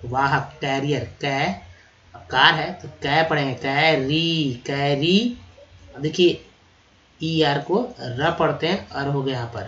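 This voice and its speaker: A man teaching vocabulary, spelling words out letter by letter, repeating them slowly and calling his viewers friends. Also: a little high, fairly bright tone, highs cut off. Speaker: English teacher. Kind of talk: vocabulary lesson.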